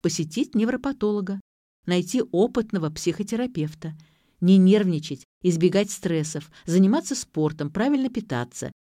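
A woman voicing a young woman posing as a doctor, explaining in a calm, measured way. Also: lowish voice, dry recording, studio quality, lightly acted.

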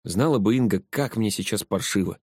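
A male narrator reading a first-person story in an even, steady way. His voice is low and a bit husky. The recording is close and dry. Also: brisk, no echo. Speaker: audiobook narrator.

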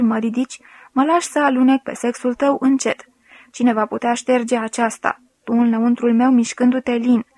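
A woman voicing a sensual woman who slowly and softly reads out an intimate love letter. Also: a little high, no room sound, close to an everyday voice. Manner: slow, soft, intimate reading.

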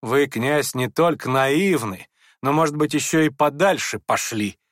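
Мужчина изображает насмешливого молодого человека. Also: male voice, mid-range voice, a little slow, a bit bright, no echo, clean studio sound, natural voice. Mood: mocking. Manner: sneering. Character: mocking, spiteful young man. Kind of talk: audiobook character voice.

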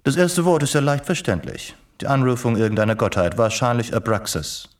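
Playing an eccentric, well-read English reporter who is also a secret agent in a German radio play, a man talks fairly quickly in a natural, medium-pitched voice with lively intonation. His manner is urbane, sardonic and lecturing, full of learned relish, and the recording is a bit distant.

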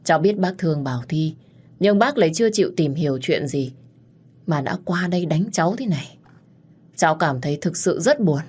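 A woman voicing a young man who has been accused, earnest and pleading, in a low voice. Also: lively intonation, a little fast, a little mellow, breathy edge. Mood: calm protest.

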